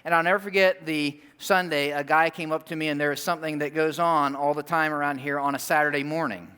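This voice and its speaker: A man's voice: a little high, fairly even intonation, fairly quick, pushed and bright, smooth. A middle-aged man preaching a sermon as pastor, telling personal stories in a conversational way with frequent asides to the congregation. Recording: long reverb of a church hall.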